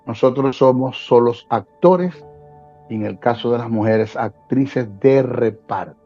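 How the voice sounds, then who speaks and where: Here the same sort of speaker, a Bible teacher from Venezuela in his 60s, gives preaching-style interview talk as a guest, hammering home points by repeating phrases. His pitch is medium, his delivery measured and mellow. Faint music sits under a dull, lo-fi recording.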